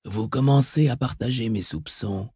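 A man voicing a calm, calculating mentat advisor in an audiobook, soft-spoken and reasoned. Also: medium pitch, moderate pace, slightly rough, no echo, studio quality. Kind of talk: audiobook reading.

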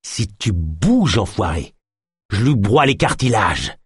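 A man voicing a gaunt, hostile male fugitive who snarls and shouts threats. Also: on the low side, very animated, slow pace, slightly rough, dry recording, studio quality, exaggerated voice. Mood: snarling.

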